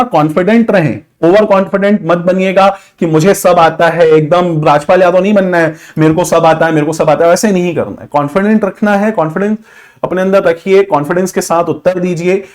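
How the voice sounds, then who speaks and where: A man's voice: sits high, darkish tone. A man teaching exam interview tips in a coaching lesson, speaking instructively, repeating key points and addressing students directly. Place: classroom with a board.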